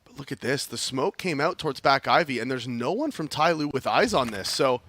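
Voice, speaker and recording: A man's voice: mid-range voice, expressive, a little fast, fairly bright tone, no echo. A man casting esports live, explaining tactics and building suspense around each play. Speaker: esports caster.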